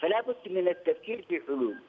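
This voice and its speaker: An older man from Yemen, a studio guest on a news interview, talking in a measured way and repeating phrases, heard over a phone line. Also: sits high, sing-song, husky. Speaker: studio guest, former press union head.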